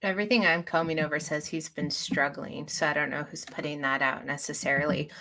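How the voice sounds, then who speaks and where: A woman with a lowish, strikingly bright voice hosts a sports podcast. She moderates at a brisk clip and reads out listener questions. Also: steady tone, slight background noise. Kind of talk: casual sports talk.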